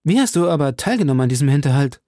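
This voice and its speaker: A bold young musketeer who barks his orders and threats with fiery urgency, as a male reader acts him out. The voice is pitched well above the reader's own and carries a gravelly edge. It is recorded close and dry. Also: expressive, very fast, mellow, no echo. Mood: commanding. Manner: commanding, threatening.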